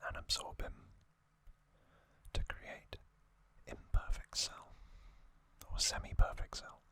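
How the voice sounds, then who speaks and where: Very slow and breathy but crisp, a male ASMR host tells a whispered story in brief, hushed phrases.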